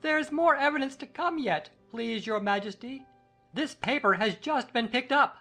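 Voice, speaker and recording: A fussy little rabbit herald in a storybook drama. The voice is shrill, high and piercingly bright, with an officious manner and faint music underneath. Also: female voice, moderate pace, full character voice. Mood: fussy, eager. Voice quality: shrill, small voice. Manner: officious, fussy, crying out announcements. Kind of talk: audiobook dramatization of a children's classic.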